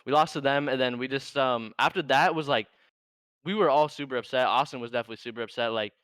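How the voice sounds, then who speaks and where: A man's voice: medium pitch, quick pace, a bit bright, clear, resonant tone, dry recording. A man talking as a guest in a casual chat, laid-back and filling his speech with "like" constantly.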